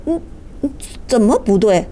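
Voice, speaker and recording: A woman's voice: medium pitch, big pitch swings, slow, warm tone. A woman voicing a bewildered young male servant who stammers and stumbles over his words in a children's story. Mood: flustered. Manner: stammering, flustered.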